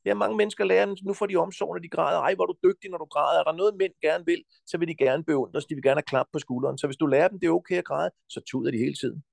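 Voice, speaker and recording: Blunt, gravelly-voiced Danish man. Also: fairly high pitch, hardly any pauses, a little mellow, dry recording. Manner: blunt, insistent, swears freely. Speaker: podcast guest. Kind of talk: forceful conversational advice.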